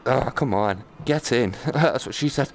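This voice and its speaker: Here a man of medium pitch talks a little slowly as he streams a game, offering casual live commentary full of self-deprecating jokes, muttering and exclamations to himself. There's noticeable background noise from the game ambience.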